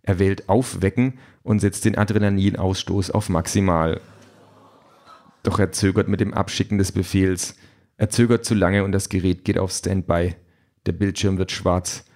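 A man narrating a story in an even, measured reading voice. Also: low-pitched.

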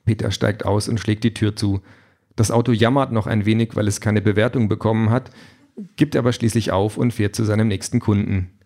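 A man's voice: lowish voice, steady tone, fairly quick, mellow. A man narrating a short story with a dry, ironic delivery.

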